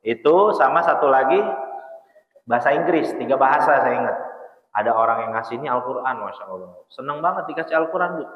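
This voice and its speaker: A man's voice: medium pitch, expressive, fairly quick. A man preaching in a chatty, conversational way, telling his story and speaking straight to the listeners. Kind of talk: storytelling sermon. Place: mosque hall. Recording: echoey hall, dull sound.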